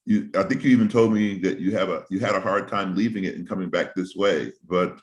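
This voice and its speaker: A man hosting a casual interview, talking at length in a thoughtful, rambling way with frequent pauses and um's. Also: low-pitched. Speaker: host.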